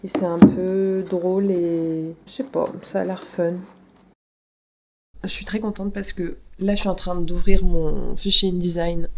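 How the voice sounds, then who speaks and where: A young woman narrating her daily vlog in a relaxed, mellow voice that sits a little low. She chats in a confiding way, stopping often to hesitate and pick her words. She is fighting off allergies. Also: unhurried, a little hiss or hum. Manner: chatty and confiding, with frequent hesitations. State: suffering from allergies. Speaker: vlogger and aspiring comic artist. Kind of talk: casual vlog voice-over.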